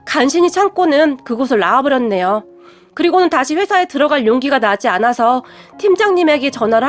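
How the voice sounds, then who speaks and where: High-voiced woman telling a story. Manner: first-person confessional telling. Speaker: narrator. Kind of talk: storytelling narration of a listener's tale.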